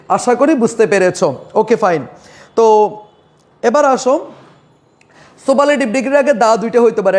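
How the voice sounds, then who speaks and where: Bangladeshi male tutor, young, very high voice, drilling grammar rules by repeating them and quizzing the class, stretching out example words. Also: darkish tone. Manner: repeats key points and asks questions then answers them himself. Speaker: English teacher. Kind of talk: live online grammar lesson.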